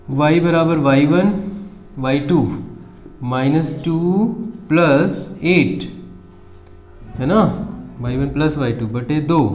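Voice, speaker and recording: Male maths teacher, fairly high voice, echoey room, walks students through each step. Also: darkish tone. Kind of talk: board-exam maths lesson.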